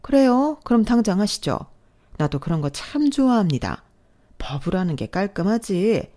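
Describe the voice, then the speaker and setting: A woman's voice: medium pitch, big pitch swings, normal speed, dark tone, close to an everyday voice. Woman doing a haughty rich mother-in-law. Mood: scornful. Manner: haughty, scornful. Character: rich, sharp-tongued older mother-in-law. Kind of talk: storybook dialogue reading.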